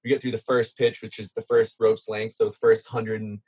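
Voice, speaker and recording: A man's voice: lowish voice, little pitch movement, fairly quick, a little mellow, slightly rough. A man casually telling an adventure story as a guest, chatty and self-deprecating, with plenty of fillers. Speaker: guest content creator.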